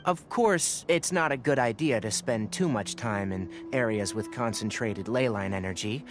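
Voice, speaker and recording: An actor playing a calm, clinical young scholar and inventor in a video game, explaining things precisely and matter-of-factly. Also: male voice, mid-range voice, normal speed, music in the background, lightly acted. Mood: explaining, composed.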